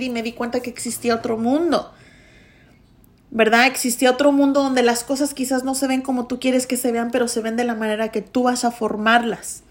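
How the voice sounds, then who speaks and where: A young adult woman hosting a motivational podcast, talking intensely and emphatically. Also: fairly high pitch. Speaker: podcast host.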